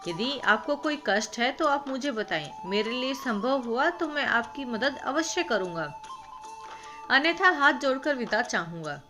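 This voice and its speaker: A woman's voice: sits high, animated, measured pace, pushed and bright, heavily acted. A woman reading a storybook voices a polite, kind-hearted male village thief who speaks respectfully. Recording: background music.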